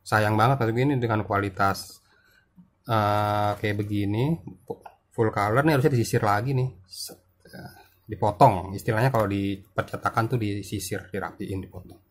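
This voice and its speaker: A man's voice: lowish voice, fairly even intonation, moderate pace. A young man reviewing comics in casual chat, talking loosely with many fillers and repeats.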